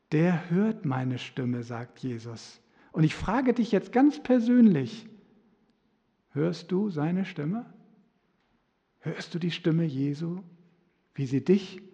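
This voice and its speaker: A man preaching a sermon in a church service, fervent, swinging from hushed to loud. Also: a little high, muffled recording. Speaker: pastor. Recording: long reverb of a hall.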